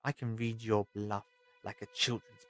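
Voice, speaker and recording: An actor playing a quick-witted, sceptical doctor, hesitant and sardonic, in an audio drama. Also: male voice, lowish voice, little pitch movement, fairly bright tone, close to an everyday voice. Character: wry, sceptical male time-travelling doctor, quick-witted and indignant.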